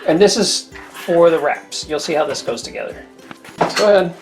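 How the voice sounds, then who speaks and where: A woman with a notably deep voice talks casually while she cooks in her home kitchen. She rambles from one story to the next in an easy, chatty way. Faint music plays in the background. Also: normal speed, a little mellow. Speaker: cooking channel host. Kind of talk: casual chat while cooking.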